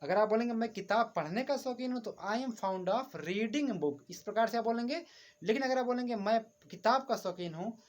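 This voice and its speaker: A man's voice: extremely high pitch, fast. A man teaching a grammar lesson, patiently repeating each point and often addressing his viewers as friends while writing on a board. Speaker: English teacher.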